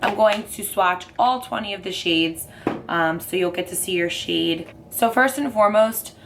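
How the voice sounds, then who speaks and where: A young woman with a hoarse, raspy voice from a cold, chatting casually through a makeup review with lots of fillers. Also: mid-range voice, normal speed, background noise. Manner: chatty, rambling with many fillers. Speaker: beauty vlogger.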